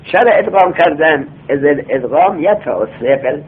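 A male teacher giving a classroom lecture. He reads lines of a text aloud slowly, then explains them and quizzes his students. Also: on the high side, lively intonation. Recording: tinny lo-fi phone-like sound.

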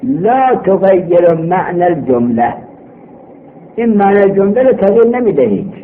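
A man's voice: sits high, big pitch swings. A male teacher giving a classroom grammar lesson, explaining step by step and quizzing his students, heard on an old worn tape recording. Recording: tinny old tape with hiss.

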